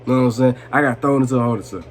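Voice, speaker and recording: Racing through his words, a young male vlogger tipsy on vodka gives a heated, expletive-laden drunk storytime to the camera. His pitch is medium, and slight background noise sits under the recording.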